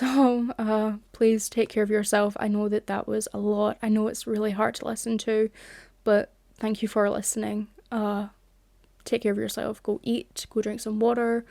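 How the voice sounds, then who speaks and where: A woman's voice: mid-range voice, little pitch movement, normal speed, gravelly, a little mellow, no echo. A young British woman giving an earnest, impassioned commentary vlog to camera, a little rambling at times. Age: young adult. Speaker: commentary YouTuber.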